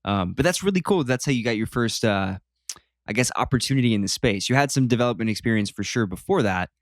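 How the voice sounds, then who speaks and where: A man's voice: mid-range voice, expressive, quick pace, dry recording, studio quality. A man hosting a podcast, asking friendly, curious follow-up questions. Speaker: podcast host. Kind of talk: interview questioning.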